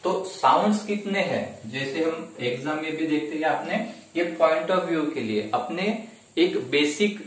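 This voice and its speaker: Male teacher, exam-prep grammar lesson, fairly high voice, heavy room echo, distant mic. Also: expressive, unhurried. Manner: repeats points, asks and answers own questions, says "okay" often. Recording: very echoey room, mic far off.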